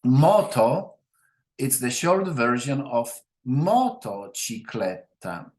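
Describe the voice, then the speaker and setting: Patient male Italian teacher. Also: mid-range voice. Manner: patient, repeats forms slowly and checks with "right?". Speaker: language teacher. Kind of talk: classroom grammar explanation.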